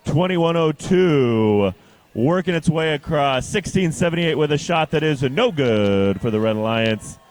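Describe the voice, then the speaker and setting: A man's voice: on the high side, animated, a little mellow. A man announcing a live competition like a fighting game announcer, with emphatic calls and play-by-play commentary. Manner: drawn-out, emphatic team-name calls.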